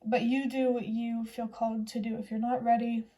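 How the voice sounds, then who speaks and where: A young woman chats through a tarot reading in a gentle, reassuring manner. Her voice sits a little high but sounds mellow and dark-toned. She speaks in an even, level way. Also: moderate pace. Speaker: tarot reader. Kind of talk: casual tarot reading to camera.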